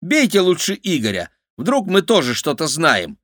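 A man's voice: fairly high pitch, wildly swooping pitch, normal speed, a bit bright, dry recording, clean studio sound, voice pushed up. A man voicing a cheeky, sarcastic boy twin in a storybook.

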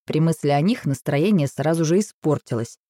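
A woman narrating a first-person story aloud in an expressive, ironic manner. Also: low-pitched, normal speed, no room sound, clean studio sound.

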